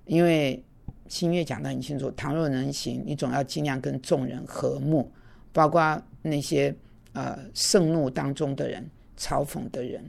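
A woman's voice: very deep voice, fairly even intonation, moderate pace, gravelly, a little mellow. A woman teaching an online Bible class, earnest and conversational, slipping in English words now and then.

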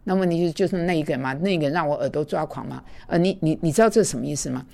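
A woman's voice: deep voice, very fast, vocal fry, warm tone. A woman teaching an online Bible class, earnest and conversational, slipping in English words now and then.

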